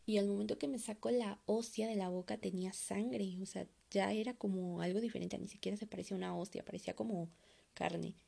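Very creaky woman telling a tale. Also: medium pitch, fairly even intonation, a little fast, dark tone. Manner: loose conversational telling with frequent fillers. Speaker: storyteller. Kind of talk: casual first-person horror story.

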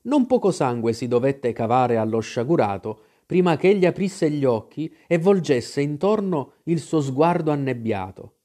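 Man, audiobook narration, dramatic delivery, lively intonation, dark mellow tone. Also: mid-range voice, normal speed, few pauses. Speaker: audiobook reader. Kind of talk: scripted narration.

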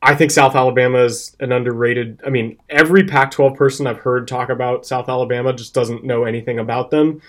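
A man's voice: medium pitch, a little fast, hardly any pauses. A young man co-hosting a podcast, chatting casually about college football picks, with lots of "um" and "like" and frequent laughs. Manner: animated, laughs often, fillers like "um" and "like". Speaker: podcast co-host. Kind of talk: casual sports betting chat.

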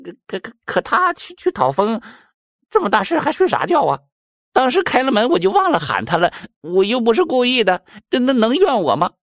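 A man's voice: mid-range voice, huge pitch swings, quick pace, few pauses, a bit bright, no echo, clean studio sound, pitched above the performer's own voice. A man voicing a sly, tearful male mouse who stammers out excuses. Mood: flustered excuses. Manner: stammering, pleading.

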